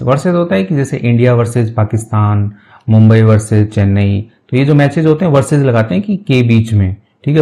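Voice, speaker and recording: Guy teaching english, mellow voice, reads slow then explains every word. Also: medium pitch. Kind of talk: explanatory lesson, translating English to Hindi.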